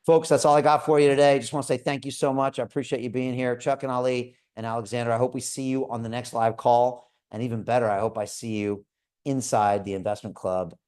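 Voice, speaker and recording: A show host with a mid-range, clear, resonant and slightly mellow voice speaks fairly quickly with fairly even intonation. Hosting a live call, he gives viewers an earnest motivational livestream talk, frequently checking in with "right?"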